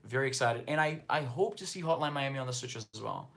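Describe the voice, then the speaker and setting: A fast-talking livestream host with a medium-pitched, fairly bright voice reads viewer comments and chats loosely. Originally from northeastern Brazil, with Portuguese as his first language, he carries a slight Brazilian accent and fills his rambling speech with fillers.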